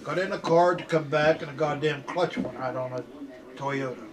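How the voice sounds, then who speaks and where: An older man with a folksy grandpa voice, pitched a little high for a man. He reminisces casually and ramblingly, with salty language, in a room with other voices clearly behind him. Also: moderate pace, crowd noise. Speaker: grandfather telling family stories. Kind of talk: casual anecdotal storytelling.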